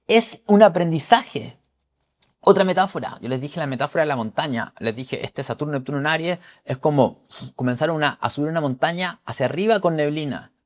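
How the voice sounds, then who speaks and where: A man's voice: high voice, a little mellow. Emphatic male astrologer. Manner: emphatic, preacherly, repeats key phrases. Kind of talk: astrology forecast talk.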